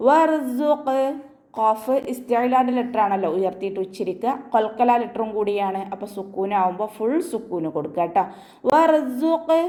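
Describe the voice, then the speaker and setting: A woman teaching an online recitation class, explaining each rule step by step and adding gentle reminders to take care. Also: medium pitch.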